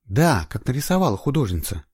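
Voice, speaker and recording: A man's voice: mid-range voice, big pitch swings, a little fast, a little mellow, husky, no echo, clean studio sound, pitched above the performer's own voice. A man voicing an eager young female trainee investigator in an audiobook, with a raised, insistent voice. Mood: earnest. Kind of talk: audiobook reading.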